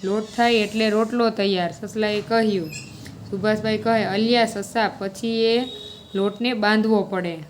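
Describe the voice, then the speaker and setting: Her voice stays mid-range and steady at a normal speed as this teacher reads a children's story aloud. She patiently explains each lesson answer step by step, with a little hiss or hum in the background.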